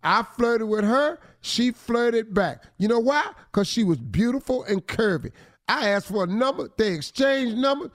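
A man's voice: extremely high pitch, animated, unhurried, a bit bright, dry recording, studio quality. A man co-hosting a comic advice talk segment, teasing the letter writer and acting out his lines. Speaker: radio show co-host giving advice. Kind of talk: comic relationship advice chat.

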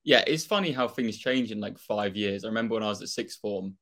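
Low-voiced young Norfolk man talking football. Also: a little fast, a bit bright. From Norfolk, England. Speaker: football fan guest. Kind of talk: casual football chat.

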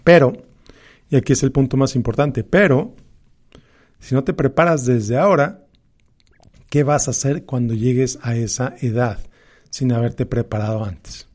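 Man, Mexican accent, mellow timbre, motivational advisor, emphatic repetition, rhetorical questions. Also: medium pitch, a little slow, pauses often. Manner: emphatic, repeats key phrases, asks rhetorical questions. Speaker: financial advisor and presenter. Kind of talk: motivational personal finance talk.

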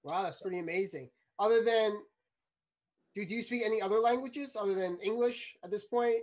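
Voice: medium pitch, brisk. An interviewer in a casual chat who asks curious follow-up questions and encourages the guest.

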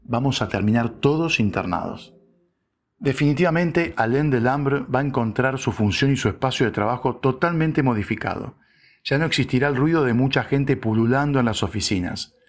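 A man's voice: medium pitch, expressive, normal speed. A man reading a scripted opinion piece with wry, sarcastic asides. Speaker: narrator.

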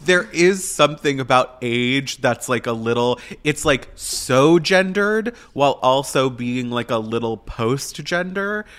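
Casting: male podcast co-host, bright crisp-edged voice, campy and playful, slangy conversational delivery. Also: medium pitch, lively intonation, unhurried, hardly any pauses. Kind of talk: casual film chat.

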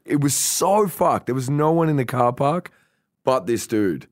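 A man's voice: mid-range voice, unhurried, no room sound, studio quality. A man with an Australian accent, co-hosting a podcast and telling a story in casual chat, swearing freely and acting out what people said. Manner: animated, swears freely, acts out quoted dialogue. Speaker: podcast co-host.

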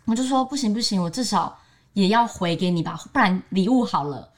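A young woman in her twenties with a Taiwanese Mandarin accent tells a story in relaxed podcast chat. She often slips into brighter voices to quote her friends, and her own pitch sits in the middle range. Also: brisk. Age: 20s. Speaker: podcast co-host.

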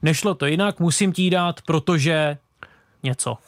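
A man hosts a casual radio sports chat, pressing his guest with pointed questions. His voice is high for a man. The recording is dry and close, with no room echo. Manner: probing, challenging questions. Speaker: radio talk show host.

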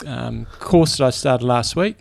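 This New Zealand-accented man, a triathlon coach co-hosting a podcast, speaks in a mid-range, creaky voice at a measured pace. He's easygoing and rambling in casual chat, often restarting sentences, and there's no echo.

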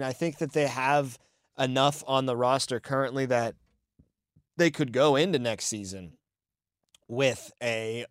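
A man co-hosting a casual sports talk show, giving animated, opinionated takes and thinking aloud. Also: mid-range voice, no room sound, studio quality. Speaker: sports podcast co-host.

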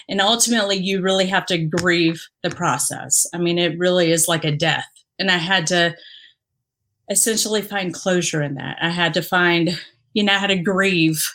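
A woman who grew up in the Dominican Republic appears as a guest in a candid, conversational interview, talking about her past career as a police officer. She's earnest and reflective, with lots of fillers and restarts, and her voice is on the low side and a bit bright.

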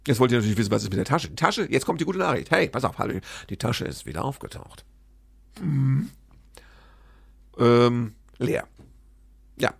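A man casually telling a story to his listeners, animated and self-deprecating, acting out both sides of the dialogue. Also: medium pitch, normal speed, gravelly, long pauses, breathy edge, no room sound.

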